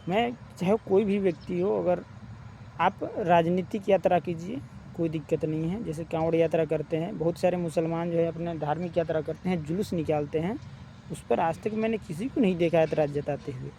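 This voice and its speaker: A man's voice: a little high, steady tone, fairly quick, gravelly, dark tone, a little hiss or hum. A man giving spoken opinion commentary, arguing his point with rhetorical questions and repeated phrases. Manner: argumentative, asks rhetorical questions; repeats points, addresses listeners as brothers. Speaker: opinion vlogger.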